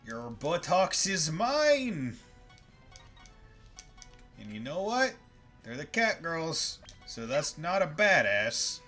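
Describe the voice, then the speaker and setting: A man streams a video game live, giving casual, playful commentary that is profane and full of jokey asides. His voice is fairly high and sharp in tone, very animated but slow, with frequent pauses. Faint game music plays behind him.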